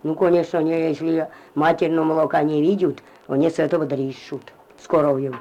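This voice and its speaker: An older village woman, a retired farm worker, rambles through spoken memories in an interview captured as a lo-fi field recording. Her voice is dark and low-pitched with a flat, brisk delivery, and she meanders, repeats herself, and drops to a mumble at the ends of phrases.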